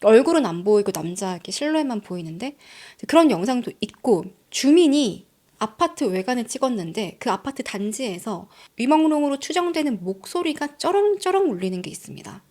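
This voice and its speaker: A woman narrating a true-crime story with a lively, swooping voice that sits a bit high. She talks straight to her viewers, dramatic and conversational, and slips into a hushed whisper on key points. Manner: dramatic, drops to whispers for emphasis; conversational, addresses viewers directly. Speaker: channel host.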